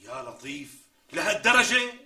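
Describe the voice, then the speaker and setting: An actor playing a skeptical friend in a TV comedy sketch, reacting with exclamations and disbelief. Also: male voice, on the high side, very animated, normal speed, sharp tone, full character voice. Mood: incredulous. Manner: exclamatory, incredulous. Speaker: comic sketch character.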